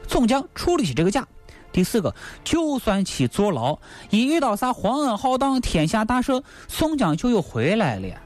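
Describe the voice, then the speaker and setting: A woman's voice: on the high side, huge pitch swings, normal speed, darkish tone, faint music behind. A woman radio host giving storytelling commentary, full of rhetorical questions and playful dramatizing.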